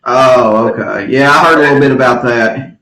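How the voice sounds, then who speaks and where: A man's voice: medium pitch, normal speed, over a noisy crowd. Man, casual interviewer, short conversational replies, echoey radio-like sound. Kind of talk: casual conversation with brief responses and questions.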